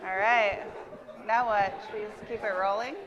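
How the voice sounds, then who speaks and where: A woman's voice: medium pitch, fairly even intonation, normal speed, dull audio. A woman co-hosting a live comedy show, chatting in an amused way. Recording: reverberant room, loud crowd.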